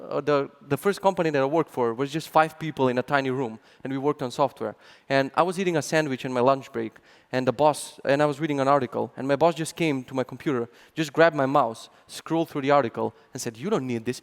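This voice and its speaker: A man giving a conference talk, sarcastic and animated, acting out mock quotes as he tells stories. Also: mid-range voice, brisk, long reverb tail. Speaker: conference speaker. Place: large conference hall.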